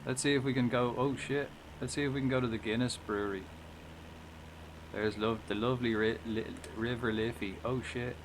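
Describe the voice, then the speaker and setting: A man's voice: medium pitch, fairly even intonation, normal speed, noisy background. A man with an Irish accent giving casual, rambling live commentary while he plays a flight game, swearing and chatting back to viewers.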